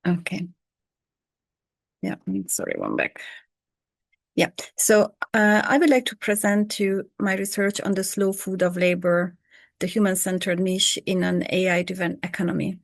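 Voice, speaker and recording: A woman, a PhD candidate, giving an academic presentation on a video call, pausing often with ums. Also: medium pitch, steady tone, gravelly, no echo. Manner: hesitant, many ums.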